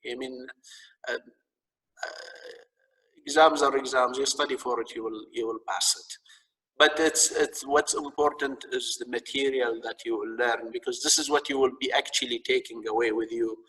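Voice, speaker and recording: A man's voice: mid-range voice, fairly even intonation, moderate pace, fairly bright tone. A man with an Arabic accent teaching a course as a live lecture, often repeating words and stumbling as he searches for phrasing. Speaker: instructor teaching a training course. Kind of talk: live lecture with audience questions. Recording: distant, echoing reverberant sound.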